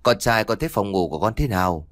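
A practical middle-aged mother, caring but brisk, as a male narrator reads her. The lines come out lively in pitch and plain in manner. The sound is close and dry. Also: dry recording, close to an everyday voice. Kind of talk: audiobook dialogue reading.

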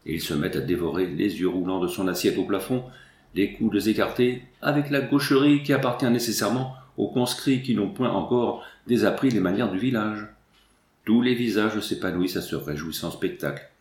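A man narrating a story in a measured, expressive way. His voice is low, and the recording carries a roomy echo. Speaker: audiobook reader.

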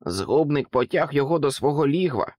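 A male audiobook narrator reading a children's fantasy in an expressive, dramatic way. His pitch moves in a lively arc across each phrase, and the recording is close and dry. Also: normal speed, dry recording. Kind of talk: scripted narration.

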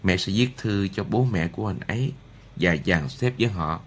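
Man reading as a soft-spoken kind lady, gentle, storybook voice. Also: sits low, moderate pace, slight background noise, lightly acted. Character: gentle kind noblewoman, a mother.

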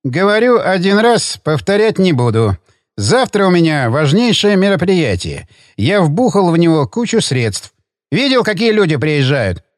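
A man's voice: high-pitched, sing-song, normal speed, no room sound, studio quality. A man reading an audiobook, voicing a domineering older hotel owner who barks and bullies. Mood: furious. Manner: barking, bullying, shouting.

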